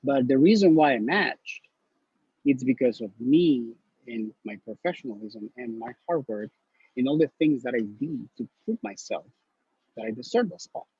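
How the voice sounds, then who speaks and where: A newly matched neurology resident from Honduras appears as a guest on a video-call interview, offering advice in a casual, earnest, blunt way and often repeating words. His voice is medium-pitched and slightly rough, with lively intonation at a normal speed. The recording is dry, lo-fi and a little dull.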